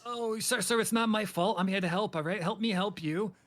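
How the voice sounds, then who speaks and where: A man with a notably high-pitched voice guiding a game roleplay as an interviewer. He talks in a loose, rambling, chatty way and throws himself into goofy comic bits. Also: brisk, fairly bright tone. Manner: chatty, rambling, slips into panicky comic yelping. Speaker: interviewer running a roleplay scenario.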